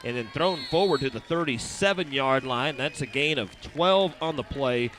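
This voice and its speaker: This is play-by-play of a high school football game, recorded outdoors at a stadium. The male announcer briskly calls each snap, works in sponsor reads, and sounds a bit bright.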